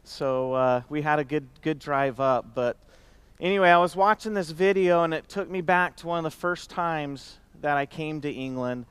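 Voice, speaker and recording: Smooth-voiced man giving a rambling talk. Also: a little high, steady tone, moderate pace, no room sound. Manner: warm, rambling, frequent fillers and restarts. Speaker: company speaker. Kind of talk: conference speech.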